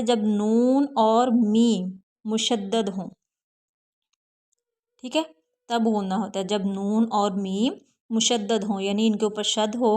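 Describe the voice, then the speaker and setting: Slow-spelling woman Quran teacher. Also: medium pitch, darkish tone. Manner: spells out letters slowly, then explains quickly. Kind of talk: slow syllable-by-syllable recitation lesson.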